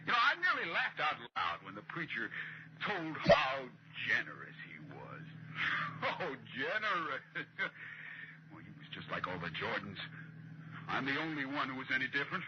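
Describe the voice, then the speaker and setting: An actor playing a greedy, irritable, jumpy husband in a retro suspense radio drama, blustering and sneering with an old prospector's twang. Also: male voice, medium pitch, wildly swooping pitch, normal speed, pauses often. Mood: scornful, gloating. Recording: muffled, noisy old radio recording.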